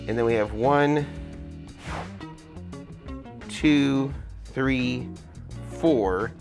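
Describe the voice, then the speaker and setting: An American man hosts a hands-on tutorial, his voice muffled by a face mask. He explains things step by step at a middling pitch. Music plays faintly behind him. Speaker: tutorial host, guitar rig builder.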